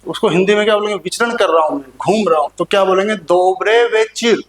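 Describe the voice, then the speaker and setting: A man teaching a playful lesson to students, repeating words slowly and joking with them. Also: high voice. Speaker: language teacher. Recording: echoey room.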